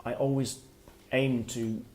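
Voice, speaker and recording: A middle-aged man, an author giving a workshop talk, speaking in a reflective, halting way as he thinks aloud. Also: medium pitch, flat delivery, darkish tone. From Wales. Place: workshop room with listeners.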